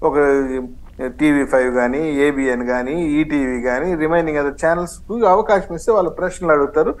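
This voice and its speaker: A man's voice: on the high side, moderate pace, low-quality recording. A man speaking as a party spokesman in a heated TV news debate, combative and sarcastic, slipping in English phrases.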